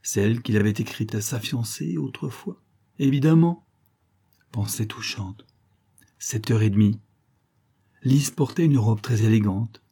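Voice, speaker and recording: A man narrating a short story as an audiobook, measured and expressive. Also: on the low side, creaky, slightly rough.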